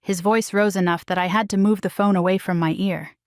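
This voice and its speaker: Calm middle-aged woman narrating a story. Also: mid-range voice, no room sound, studio quality. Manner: calm, measured. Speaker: first-person narrator. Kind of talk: scripted narration.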